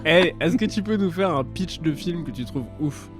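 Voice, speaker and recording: A man's voice: on the high side, animated, moderate pace, faint music behind. A man co-hosting a podcast in casual banter, hesitating and restarting often. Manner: hesitant, many fillers and restarts. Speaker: podcast co-host.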